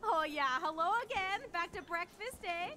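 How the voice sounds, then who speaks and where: A woman's voice: very high-pitched, normal speed, pushed and bright. An actress voicing a chipper Canadian woman at a diner in a video game, sing-song and cheerful. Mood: cheery.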